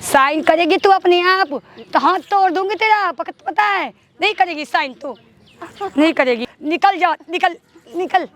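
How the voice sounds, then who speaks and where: A woman's voice: very high-pitched, unhurried, a bit bright. A woman playing an arrogant, bullying young daughter-in-law who orders her mother-in-law around with contempt in a staged family quarrel skit. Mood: scornful. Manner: bossy, contemptuous, threatening.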